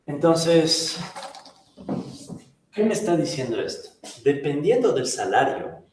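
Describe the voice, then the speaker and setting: A man's voice: fairly high pitch, sing-song, slow, darkish tone, reverberant. A man lecturing a class, chatty and full of tag questions. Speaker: economics lecturer.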